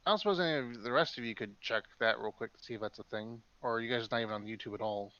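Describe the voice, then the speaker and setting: A man's voice: medium pitch, rapid-fire, pushed and bright, dry recording, lo-fi sound. A man co-hosting a podcast in casual chat, rambling and making jokes. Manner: rambling, joking. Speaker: podcast co-host.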